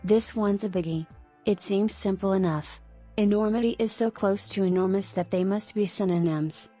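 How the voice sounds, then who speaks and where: Woman reading a word lesson, clear and a bit playful, soft music under it. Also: mid-range voice, normal speed. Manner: clear, explanatory, lightly playful. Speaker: narrator. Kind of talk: scripted explainer narration. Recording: faint background music.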